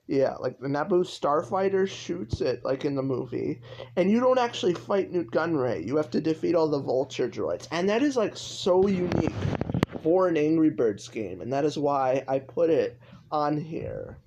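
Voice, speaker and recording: A man's voice: a little high, lively intonation, moderate pace, creaky, a little mellow, rough recording. A young man giving casual, rambling commentary over gameplay as a YouTuber, full of fillers and restarts. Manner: rambling, lots of likes and restarts. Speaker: gaming YouTuber.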